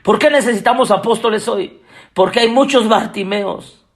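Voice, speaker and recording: Predicador de voz muy aguda y apasionada. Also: male voice, high voice. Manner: impassioned, preaching with rising shouts and drawn-out phrases. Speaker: apostle preacher. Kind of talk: sermon.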